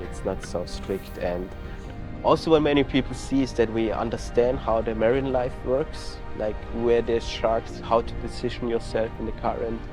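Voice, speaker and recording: A man from Austria working as a dive guide, speaking in a relaxed documentary interview and pausing to search for words. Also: on the low side.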